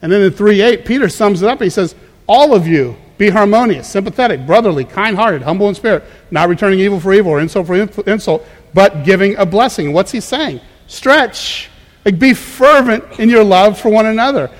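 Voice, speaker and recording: A man's voice: sits high, animated, a little fast, in a large hall. A man preaching a conversational sermon as a pastor, emphatic and prone to repeating words as he goes. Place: church.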